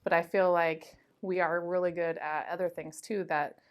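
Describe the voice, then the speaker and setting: A woman's voice: lowish voice, moderate pace. Chatty woman deputy telling stories. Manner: chatty, lively anecdotes with frequent "like" and "um". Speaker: school resource officer, deputy. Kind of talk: casual interview storytelling.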